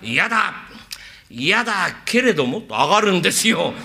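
Guy doing a chatty show-off from old edo, bright lively voice. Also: normal speed, gravelly, heavily acted. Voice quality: fawning and boastful, swings in pitch. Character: chatty, boastful male hanger-on who mimics voices. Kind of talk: rakugo storytelling.

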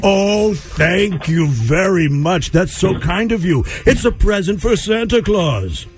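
A man doing a hearty old Santa Claus, jolly and kind, with a lively, bouncing voice that rides up high. He booms out sing-song greetings and asks gentle questions over faint jingle-bell music. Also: takes it slowly, exaggerated voice. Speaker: Santa call-in performer. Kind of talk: radio call-in chat with children.

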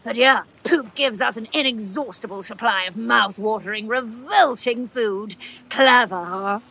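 A bright, cheeky little bug. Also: female voice, on the high side, unhurried, creaky, breathy edge, full character voice. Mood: gleeful. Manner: chirpy, relishing and cheeky. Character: cheeky, gross-out fly and sleepy worm, small creatures. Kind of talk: children's audio story acting.

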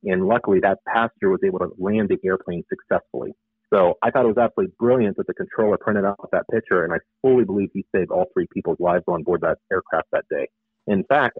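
A man with a low-sitting, slightly rough voice, an author and air traffic controller, gives informal, explanatory answers as a radio interview guest, often rephrasing himself. The recording is dry and comes through a narrow, phone-like line.

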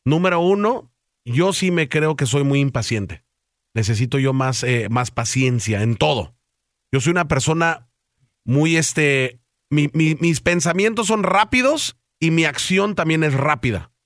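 A man's voice: fairly high pitch, measured pace, a bit bright, dry recording, clean studio sound. A man hosting a radio morning show, talkative, joking and full of slang. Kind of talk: lively radio banter. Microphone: studio mic.

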